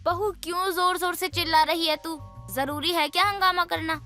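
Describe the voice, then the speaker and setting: Stern mother-in-law, high tense voice, faint music. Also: fairly even intonation, normal speed, bright, forceful tone, full character voice. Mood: scolding. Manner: scolding, firm. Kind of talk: animated cartoon voice acting.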